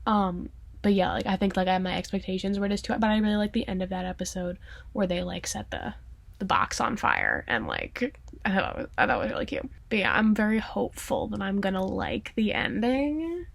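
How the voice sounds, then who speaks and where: A woman's voice: medium pitch, very animated, brisk, creaky. A young woman vlogging in a casual, rambling way, emotional, with lots of fillers and some swearing. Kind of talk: casual chat to camera.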